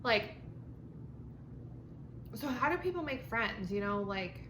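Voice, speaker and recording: A woman's voice: on the high side, lively intonation, takes it slowly, a bit bright. Woman chatting casually in an echoey, noisy room. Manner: informal, frequent 'like', mild swearing. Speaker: vlog host. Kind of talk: casual rambling chat to camera while eating lunch. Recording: echoey room with clear background noise.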